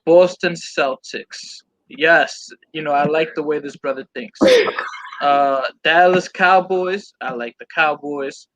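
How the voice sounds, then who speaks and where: Bright, joking man chatting on a stream. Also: fairly high pitch, poor audio. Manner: loose and joking, reading out chat comments. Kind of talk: casual live-stream chat.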